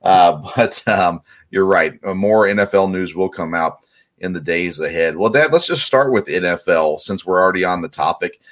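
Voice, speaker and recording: A man's voice: sits low, normal speed, fairly bright tone. A man hosting a sports podcast, chatting casually with many fillers and restarts. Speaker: podcast host.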